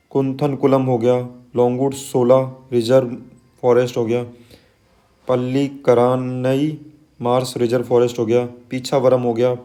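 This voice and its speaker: A man with a mellow, relaxed voice gives an exam-prep lesson. He talks in a loose, chatty way, checking in with his listeners, and reads long lists of names slowly, one item at a time. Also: mid-range voice. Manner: conversational, frequent "है ना" and "ठीक है" tags. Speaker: teacher.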